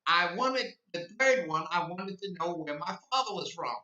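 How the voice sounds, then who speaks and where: An old man in his eighties talks through a rambling podcast monologue that turns impassioned. His voice is somewhat high and very bright and cutting. He sounds far from the mic in an echoey space, on a dull lo-fi recording. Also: animated, moderate pace. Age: 80s. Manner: rambling, repeats himself, grows impassioned. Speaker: podcast host. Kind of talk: rambling live-stream monologue.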